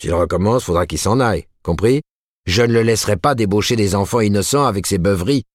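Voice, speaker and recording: A man's voice: low voice, fairly quick, a little mellow, no echo, clean studio sound. A man voicing a cold, vindictive middle-aged shopkeeper husband who hammers every word. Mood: cold, scolding.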